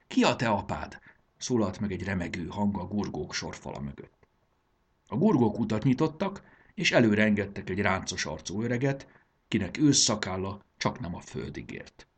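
A male narrator reading a fantasy story aloud, with an expressive storytelling delivery. His low voice is raspy and husky, and his pitch moves a lot.

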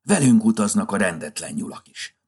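A man's voice: fairly low pitch, slightly rough, heavily acted. A man voicing a grumpy, flustered old Santa Claus in a storybook reading, with a scolding, impatient manner. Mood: excited. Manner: scolding, then tender and excited.

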